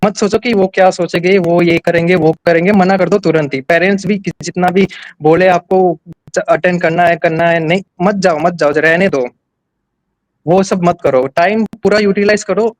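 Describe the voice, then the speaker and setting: A man's voice: sits high, steady tone, moderate pace, dry recording, rough recording. A young man from Gujarat, a nurse and exam topper, telling his story candidly and plainly, with many restarts. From Gujarat, India. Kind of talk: casual interview.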